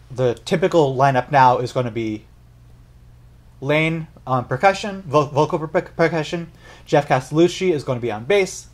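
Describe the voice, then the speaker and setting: A young man talks casually through a music reaction and analysis, explaining at length. His pitch sits in an ordinary middle range. He often corrects himself mid-sentence. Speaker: music reaction channel host.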